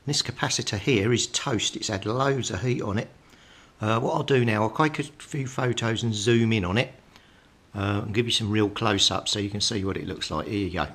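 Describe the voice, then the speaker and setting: A British hobbyist host works through a hands-on electronics repair, explaining each step practically as he goes. His voice is on the low side at a normal speed, set against a noisy background.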